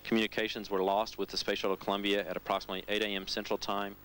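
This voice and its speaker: A man announcing from mission control over a radio transmission, in a clipped, flat official delivery. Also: lowish voice, very fast, slight background noise, low-quality recording. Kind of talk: archive broadcast announcement.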